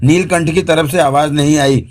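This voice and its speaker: Guy narrating a thriller audiobook, steady storyteller, slightly high voice. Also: moderate pace. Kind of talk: scripted narration.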